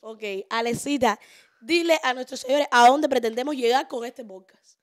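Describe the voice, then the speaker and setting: Brief: young woman, podcast host, high pitch, joking banter, studio mic. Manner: playful, joking, quick-talking. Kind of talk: casual chat. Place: small studio room, indoors. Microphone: studio mic on stand.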